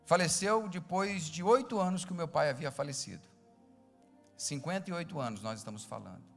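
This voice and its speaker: A male pastor preaches with a high, bright voice and tells stories from the pulpit. He builds to loud, repeated declarations, then drops to soft asides. Faint music plays beneath him. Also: expressive, brisk, vocal fry, in a large hall. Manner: emphatic storytelling, swings from loud to hushed. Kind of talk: sermon.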